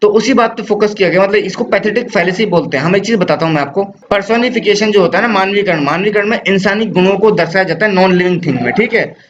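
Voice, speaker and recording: A man teaching English literature, explaining poetic devices patiently, repeating points, asking rhetorical questions and reading poem lines slowly. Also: sits high. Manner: reads poem lines slowly, mixes English terms into his talk. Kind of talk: classroom lecture. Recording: dull lo-fi sound with faint noise.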